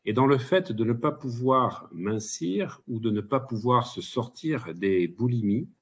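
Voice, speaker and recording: A man's voice: medium pitch, animated, unhurried, husky. A man speaking as a guest expert on a webinar, chatty and emphatic, with frequent fillers. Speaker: guest expert, hypnotherapist and pharmacist. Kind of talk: casual webinar talk.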